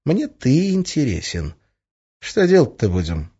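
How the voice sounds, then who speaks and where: A man's voice: mid-range voice, wildly swooping pitch, a little slow, warm tone, husky, pitched above the performer's own voice, heavily acted. A man voicing a playful, sly young witch woman in an audiobook, teasing and coaxing in a lilting tone. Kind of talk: audiobook character voice. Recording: slightly muffled lo-fi recording.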